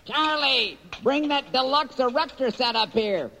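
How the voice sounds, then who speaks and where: A man's voice: extremely high pitch, animated, a little slow, sharp tone, slight background noise, heavily acted. A man doing a sly villain boss. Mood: scheming. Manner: bossy, sly. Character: scheming male villain boss.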